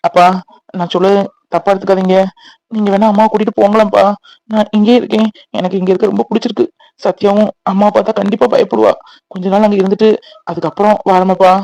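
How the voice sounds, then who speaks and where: A man's voice: high voice, little pitch movement, fast, creaky, long pauses, warm tone, no echo, poor audio. A man acting in a family skit as a brother who soothes his crying sister and hesitates with his father. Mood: hesitant. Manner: soothing, reassuring.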